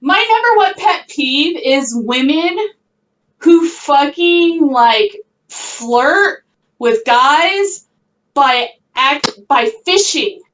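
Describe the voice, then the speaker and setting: A woman's voice: high-pitched, expressive, very slow, fairly bright tone, distant mic, poor audio. A woman telling a story in casual chat, swearing constantly and mimicking the people she talks about. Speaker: podcast co-host telling a story.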